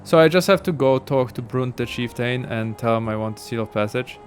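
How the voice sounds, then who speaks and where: A naive adventurer , read aloud by a man, talks in a polite, slightly hesitant way. The voice has a middling pitch. Faint game music plays behind. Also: a little fast, close to an everyday voice. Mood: earnest.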